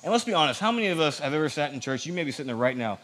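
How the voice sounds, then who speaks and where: Guy preaching to a church, jokey and lively, kinda high voice. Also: racing. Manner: animated, joking asides to the audience. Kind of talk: casual sermon.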